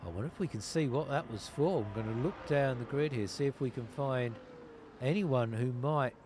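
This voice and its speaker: A man calling an online sim racing league race, narrating positions, tyres and penalties in steady play-by-play over a headset. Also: medium pitch, normal speed, background noise. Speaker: lead commentator.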